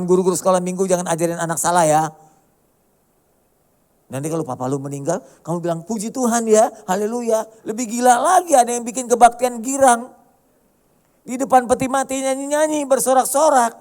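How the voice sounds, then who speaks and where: A male pastor preaching a sermon in a colloquial way, dropping to a hush and then rising to loud emphasis, and acting out the dialogue he quotes. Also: sits high, brisk. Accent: Indonesian.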